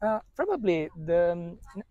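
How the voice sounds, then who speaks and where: A man with a high voice, a native Italian speaker, puts questions to an athlete in halting, broken English, hunting for words between fillers. The sound is close and dry. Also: very animated, dark tone, no room sound, highs cut off. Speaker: interviewer. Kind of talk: interview questions.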